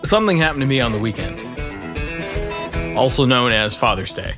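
A man's voice: medium pitch, expressive, brisk, over music. A man co-hosting a casual podcast, joking and bantering with his friend. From Canada. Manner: jokey, playful banter. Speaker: podcast co-host.

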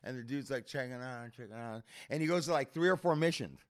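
Speaking fast at a medium pitch, a man co-hosting a podcast eagerly retells a story in loose, casual chat. His talk is slangy and repetitive, thick with "bro" and "dude."

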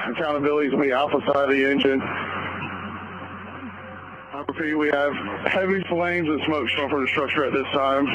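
A man's voice: fairly high pitch, dull audio. Urgent firefighter man on the radio. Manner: urgent, clipped procedural phrasing. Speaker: firefighter, incident commander on scene. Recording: fire radio transmission with music underneath. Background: music.

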